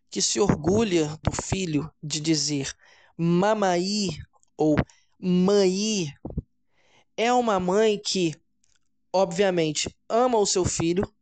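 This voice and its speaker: A man hosts an explanatory talk on psychology. He speaks in a measured, deliberate way and drags out the words he wants to stress. He often tags his points with a quick "né?". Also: high voice. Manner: measured, deliberate, often adds "né?" and slows for emphasis. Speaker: host.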